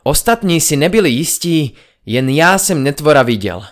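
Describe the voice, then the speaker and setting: A man reading a first-person audiobook aloud in a dramatic, expressive style. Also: on the high side. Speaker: audiobook narrator.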